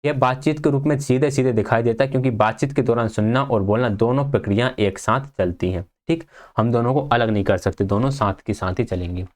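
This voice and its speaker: A man's voice: medium pitch, a little fast, hardly any pauses, a little mellow. A young man teaching an exam-prep lecture, reading notes aloud and then explaining them in a casual way.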